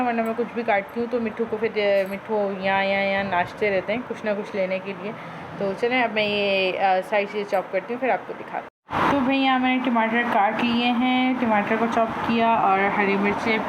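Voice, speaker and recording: A woman from Pakistan talking through her home cooking in a casual, rambling way, full of fillers and restarts. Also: medium pitch. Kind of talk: casual chatty narration. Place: home kitchen. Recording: slightly dull home recording with noise. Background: pet parrot squawking.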